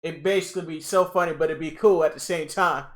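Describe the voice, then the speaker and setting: A young man hosting a casual livestream reaction, excitable and rambling, repeating himself and talking to his chat. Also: a little high, fast. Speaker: livestream host.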